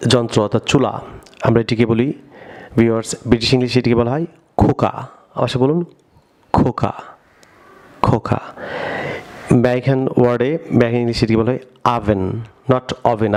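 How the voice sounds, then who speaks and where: A man with a Bangladeshi Bengali accent teaching English vocabulary, often addressing viewers and slowly repeating each word for them to say after him. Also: medium pitch, darkish tone. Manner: addresses viewers often, slow deliberate repetition of words.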